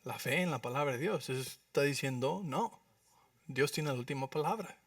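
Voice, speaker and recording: A male pastor preaching a sermon, acting out prayers and dialogue with sudden loud outbursts and often asking the congregation questions. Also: mid-range voice, moderate pace, no echo, distant mic. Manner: asks the congregation for agreement with frequent rhetorical questions. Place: church.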